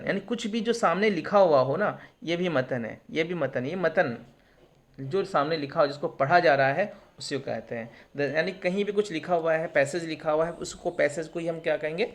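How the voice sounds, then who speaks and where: Male teacher, slightly high voice, patient exam-prep lesson that poses questions and then answers them. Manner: explains terms with English glosses, asks and answers own questions.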